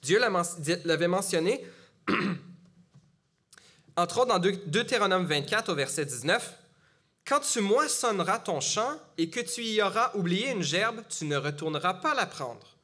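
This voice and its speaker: In a church, a man's high-sitting, sharp voice delivers a sermon in an animated, unhurried way. He's middle-aged, from Gatineau, speaks with a Quebec French accent, and talks conversationally, often using fillers and starting over.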